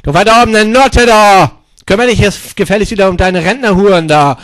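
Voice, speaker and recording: A man performing a crude comedy sketch, hurling insults and mixing English words into his talk, with catchphrases stretched into drawn-out yells. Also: high-pitched, very noisy. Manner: repeats catchphrases in a drawn-out yell.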